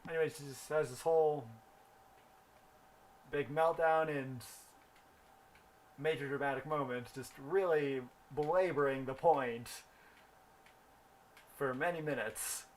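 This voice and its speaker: A man's voice: on the high side, takes it slowly, pauses often, a little hiss or hum. A young man rambling through a story while thinking aloud about the game he is playing. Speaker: gaming video host. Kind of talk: casual gameplay commentary.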